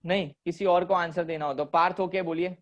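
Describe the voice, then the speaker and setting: Male teacher, high voice, spinning a story for the class, bit muffled audio. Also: fairly even intonation, fairly quick. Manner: storytelling, quizzing students. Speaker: commerce teacher. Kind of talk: online class lecture. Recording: dull lo-fi audio.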